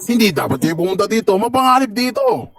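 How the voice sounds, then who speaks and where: A man's voice: high voice, very animated, fast talker. A man playing a stern, fervent, commanding exorcist priest in an amateur cartoon dub. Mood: commanding, urgent. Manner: commanding, urgent. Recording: loud music behind.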